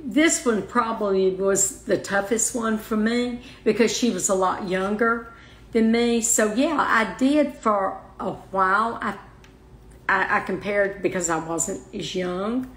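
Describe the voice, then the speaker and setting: An older woman speaking as a guest in a heartfelt interview, soft and halting, often restarting her sentences. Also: mid-range voice. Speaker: guest, mother of the host. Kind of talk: emotional personal interview. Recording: roomy echo.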